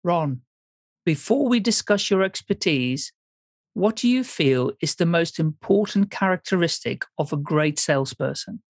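Dry, deliberate male podcast host. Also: on the high side, lively intonation, dry recording. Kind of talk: scripted introduction.

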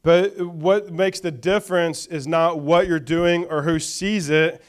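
A man's voice: a little high, steady tone, measured pace. A man preaching a sermon to a church, reading scripture with call-and-response and chatty asides. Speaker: pastor.

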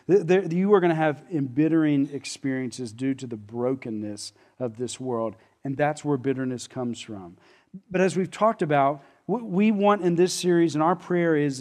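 Pastor, male, slightly high voice; conversational, emphatic sermon delivery. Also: darkish tone. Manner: earnest, conversational preaching with frequent restarts and emphatic pauses.

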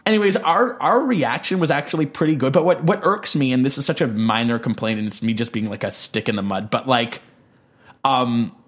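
A man's voice: mid-range voice, brisk, fairly bright tone. A young man co-hosting a podcast in casual chat, rambling and self-deprecating with lots of fillers. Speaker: podcast co-host.

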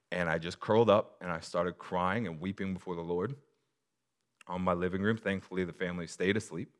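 Deep-voiced man preaching a personal sermon. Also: a bit bright. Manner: earnest, confessional, builds to emphatic repeated phrases. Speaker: pastor.

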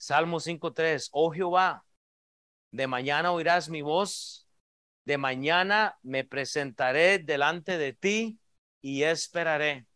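A male pastor delivers an impassioned sermon in a high, ringing voice. The sound is dry and close, with little room around it. He swells to loud peaks and then sinks to quiet, pleading lines. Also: slow pace, smooth, no room sound. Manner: impassioned preaching, rising and falling in force. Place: church.

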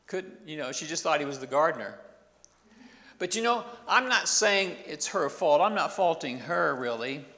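A man's voice: on the high side, lively intonation, moderate pace, pushed and bright, in a large hall. A male pastor preaching a sermon in a conversational way, full of rhetorical questions and asides.

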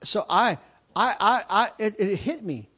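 A man in his mid-fifties preaches to his congregation, his voice sitting notably high for a man. He hammers his points with repetition, circling back on phrases and restarting sentences as he goes. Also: expressive, unhurried, bright, forceful tone, husky. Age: 50s. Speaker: pastor. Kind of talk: sermon.

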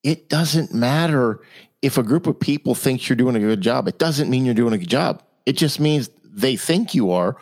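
Animated, incredulous male talk-show co-host. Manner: incredulous, animated, rising to high exclamations. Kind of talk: political talk show banter.

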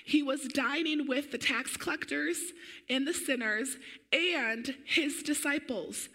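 A woman pastor delivers a sermon with energy and a conversational feel, her high voice moving at a slow pace. Her voice sounds a little weak, and she often clears her throat.

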